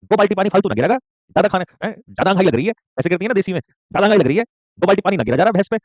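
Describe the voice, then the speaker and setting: A man's voice: sits high, lively intonation, very fast, dry recording, highs cut off, voice pushed up. A man putting on the voice of a scolding, bossy rural mother who nags in a rustic way. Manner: nagging, scolding in rustic Hindi.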